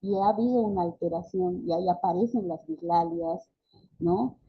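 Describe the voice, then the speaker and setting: A woman's voice: fairly low pitch, normal speed, a little hiss or hum. A woman giving a speech therapy class, often correcting herself mid-phrase and checking in with tag questions. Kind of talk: online class lecture. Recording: dull lo-fi audio.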